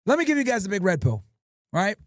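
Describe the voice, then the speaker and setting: High-voiced and fast, this English-speaking livestream host swears constantly while spinning brash, animated stories and commentary. The studio-quality audio has no echo.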